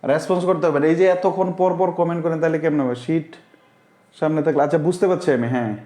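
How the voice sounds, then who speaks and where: A man leads a live online grammar class and keeps checking that his viewers understand, reading out their comments as they come in. His voice sits a little high for a man. The room around him has a clear echo. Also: fairly even intonation, quick pace, warm tone. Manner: explains step by step, often asks the class if they understood; reads out viewers' comments and answers them. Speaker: online English teacher.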